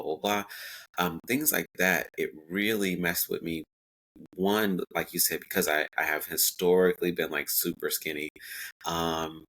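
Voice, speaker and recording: Very deep-voiced man in his forties. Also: sharp tone, poor audio. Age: 40s. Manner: reflective, many fillers and self-quotes. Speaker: podcast guest. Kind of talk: casual interview talk.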